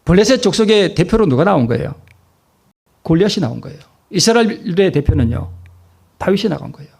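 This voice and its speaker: A man's voice: high-pitched, big pitch swings, fairly quick, vocal fry, a little mellow, husky. A male pastor preaching a sermon, asking the congregation questions and answering them himself, and repeating key phrases for emphasis.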